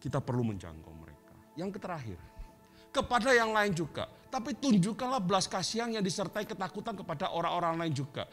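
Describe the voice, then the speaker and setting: A male preacher delivers a sermon in a high, very animated voice. He tells stories and acts out snatches of dialogue as he goes. Faint music plays underneath. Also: brisk. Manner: lively storytelling with quoted dialogue. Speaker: pastor.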